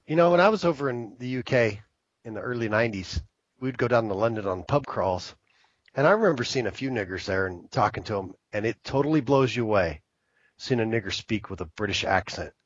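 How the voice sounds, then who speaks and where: A man's voice: on the low side, lively intonation, fairly quick, dry recording. Fifties guy cracking wise, mid voice, dull lo-fi line, no room sound. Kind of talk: casual chat.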